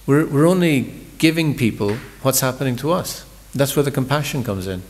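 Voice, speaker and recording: Man preaching conversationally in a large temple hall, long reverb, mid-pitched voice, storyteller with stumbling restarts. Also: animated, normal speed, a little hiss or hum. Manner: warm storytelling, conversational, repeats words when he restarts. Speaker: visiting speaker giving a scripture class. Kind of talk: sermon.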